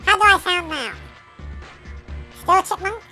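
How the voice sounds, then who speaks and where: A woman talking casually while streaming, her voice run through a high chipmunk-like voice changer, chatty and self-amused. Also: a little slow, bright, forceful tone, soft background music. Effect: high chipmunk-like voice changer filter. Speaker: streamer testing voice effects.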